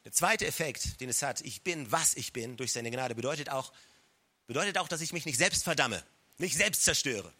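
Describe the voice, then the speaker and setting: A man preaching a sermon at a church service, speaking directly to his listeners and repeating lines for emphasis, sometimes dropping his voice low and soft to stress a point. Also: lively intonation, normal speed. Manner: drops to a low soft voice to stress key words. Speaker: pastor. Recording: live church recording.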